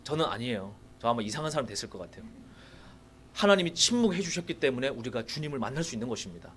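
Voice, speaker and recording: A guest preacher at a revival meeting talks rapid-fire in a medium-pitched voice, giving a sermon built on his personal testimony in a church sanctuary. He tells his story with animation and acts out his own prayers. He also turns to the congregation with direct rhetorical questions.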